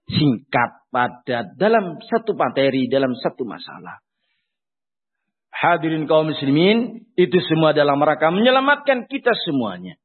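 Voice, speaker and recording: A man preaching a sermon, swinging between loud emphatic lines and quiet asides. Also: on the high side. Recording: tinny phone-like sound.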